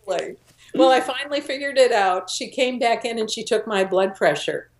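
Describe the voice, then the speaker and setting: A woman's voice: on the high side, lively intonation, brisk, slight background noise. A middle-aged woman, a guest in an interview, telling a personal story earnestly and voicing the people she quotes. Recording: roomy echo.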